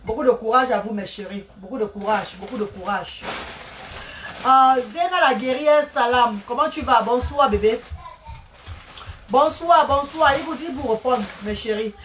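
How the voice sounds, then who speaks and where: A woman's voice: on the high side, moderate pace, fairly bright tone, slight background noise. A woman cooking while she talks on a casual live stream, greeting viewers by name and often speaking of God's blessings. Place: home kitchen. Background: music playing.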